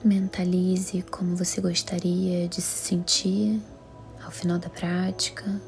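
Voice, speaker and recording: A Brazilian woman guides a meditation in a soft, breathy, even voice with very little pitch movement, soothing and measured, with a Brazilian Portuguese accent. Music plays underneath her.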